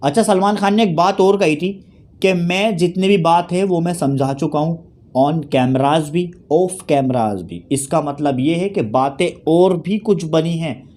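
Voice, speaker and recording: A man's voice: on the high side, measured pace, a little mellow. A man giving heated commentary on a reality show, firing rhetorical questions and repeating his points. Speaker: YouTube show reviewer. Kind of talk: ranting commentary.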